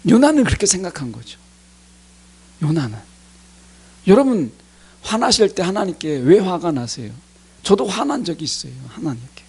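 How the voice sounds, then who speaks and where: A man's voice: on the high side, gravelly, darkish tone, breathy edge. A middle-aged man preaching a sermon as pastor, speaking straight to his congregation and acting out people's complaints to God.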